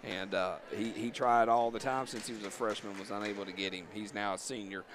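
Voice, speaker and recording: A man's voice: on the low side, fairly even intonation, brisk. Man, basketball commentator, rambling, chatty, noisy gym. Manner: rambling, chatty, many restarts. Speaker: play-by-play commentator. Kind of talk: local high school basketball commentary.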